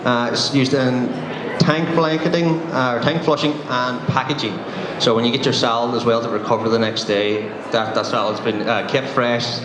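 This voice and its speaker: A man's voice: medium pitch, steady tone, moderate pace, hardly any pauses. Donegal man presenting in a noisy, echoey room. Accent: Donegal Irish. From Donegal, Ireland. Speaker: sales engineer presenting at a conference. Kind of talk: conference presentation with slides. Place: conference room, indoors. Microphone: handheld microphone, recorded by a distant camera. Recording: roomy echo, loud room noise.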